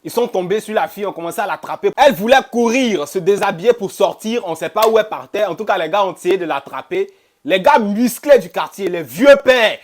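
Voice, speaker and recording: A man tells a personal story in a lively, conversational way. He repeats phrases, acts out what others said, and speaks in a fairly high voice. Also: fairly quick. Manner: animated, repeats phrases, quotes others in dialogue. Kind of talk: casual first-person storytelling.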